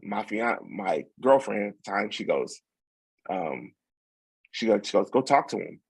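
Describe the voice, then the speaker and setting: A young man with a low, gravelly voice tells a story in a loose, rambling way, doubling back often. The tone is husky, and the sound is close and dry. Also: a little slow, no room sound, poor audio. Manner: relaxed, rambling with many fillers and restarts. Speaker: podcast guest. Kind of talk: casual storytelling.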